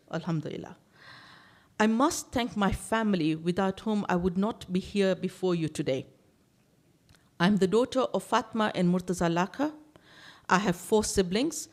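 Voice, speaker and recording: A woman raised in Tanzania, speaking as an election candidate to a room of elders. Her speech is forceful and insistent, and she builds long lists and repeats words to drive each point home. Her voice sits at an ordinary middle pitch. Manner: emphatic, piles up lists and repeats words when stressing a point. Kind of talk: campaign speech to a seniors' gathering. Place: community main hall.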